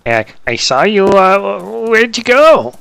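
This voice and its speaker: A man talking through a high-pitched squirrel voice changer on a gaming headset, calling out questions to other players in voice chat. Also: very animated, slow, vocal fry, pushed and bright, clear, resonant tone, no echo. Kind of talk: in-game voice chat with strangers.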